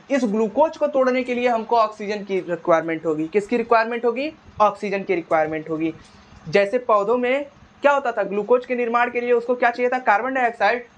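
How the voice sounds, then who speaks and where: In a high-pitched voice, a man teaches a classroom biology lesson in a conversational way, repeatedly posing brief questions and then supplying the answers while restating key terms.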